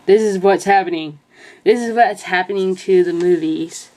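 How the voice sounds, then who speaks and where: Retelling movie scenes in rambling, casual commentary, a young woman talks at a normal speed in a lowish, warm voice. She wanders from point to point and uses "like" constantly as filler.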